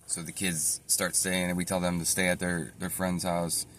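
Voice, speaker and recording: Deep-voiced man, rambling storytime. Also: little pitch movement, fairly bright tone, slight background noise. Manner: rambling, halting, with frequent fillers and self-corrections. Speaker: storyteller recounting his own life. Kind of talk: casual spoken storytime.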